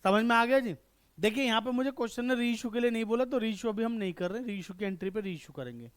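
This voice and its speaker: A man runs an online accountancy class, firing off quick questions and supplying the answers himself. His voice is very high, smooth, and resonant, and he keeps checking for understanding again and again.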